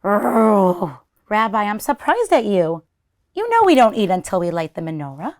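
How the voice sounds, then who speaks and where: A woman's voice: mid-range voice, big pitch swings, measured pace. A woman voicing a kindly, chatty elderly grandmother in a children's storybook, fussing and exclaiming as she hosts. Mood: welcoming, chatty.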